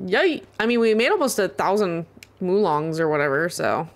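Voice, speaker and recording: A woman's voice: fairly low pitch, very animated, moderate pace. A woman streaming a video game live, chatting casually to herself and her viewers and swearing freely. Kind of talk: live gameplay commentary.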